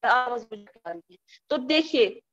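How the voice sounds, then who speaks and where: A woman's voice: fairly high pitch, lively intonation, unhurried, fairly bright tone, dull audio, faint music behind. A woman teaching an online class in an explanatory way, her audio choppy and cutting in and out over the call. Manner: explanatory, asks and answers her own questions.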